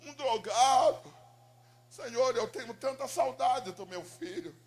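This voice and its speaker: A man's voice: extremely high pitch, a little slow, pitched above the performer's own voice. A man voicing a frail elderly mother who prays desperately for her lost son, her pleading rising to cries. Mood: pleading prayer.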